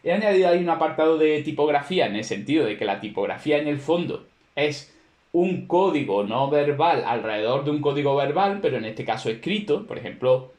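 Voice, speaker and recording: A man's voice: on the high side, lively intonation, a little fast, a little mellow, reverberant. A man teaching a class, explaining at length in a conversational way with many fillers and rhetorical questions to his students. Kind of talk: classroom lecture.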